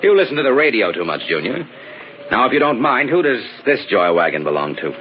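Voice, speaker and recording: An actor playing a tough, wry young American private detective in a radio drama, with hardboiled slangy delivery. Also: male voice, mid-range voice, big pitch swings, a little fast, slight background noise, lightly acted. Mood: brisk, sardonic. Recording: dull old radio recording with music.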